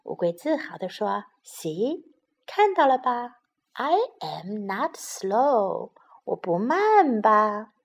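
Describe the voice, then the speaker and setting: A steady, proud storybook turtle, as a woman puts him on. The lines come slowly, first in English and then in Chinese, with a slightly gravelly voice. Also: mid-range voice, full character voice.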